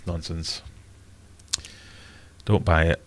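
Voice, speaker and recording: Middle-aged British man, low-pitched and stuffed-up nose, blunt and wry livestream host, loose conversational delivery. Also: flat delivery, very slow. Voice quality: bunged-up, congested nasal voice. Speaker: livestream host answering viewer questions. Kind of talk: casual livestream chat.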